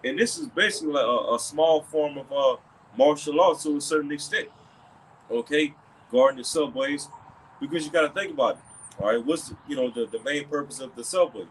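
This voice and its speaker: A man's voice: a little high, brisk, slight background noise, poor audio. Rambling man leading religious commentary. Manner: rambling, peppered with "okay" and "all right".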